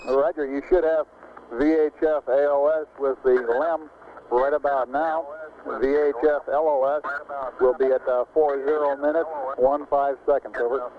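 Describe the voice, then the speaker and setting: A man's voice: medium pitch, steady tone, normal speed. Male mission control communicator, clipped radio procedure, breaking-up space radio, dull sound, faint chatter behind.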